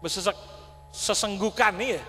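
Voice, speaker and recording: A man's voice: sits high, normal speed, pushed and bright. A man gives a folksy sermon in a large mosque. He keeps addressing the listeners directly and mixes in words. The voice carries a long hall reverb over a faint hum. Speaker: preacher.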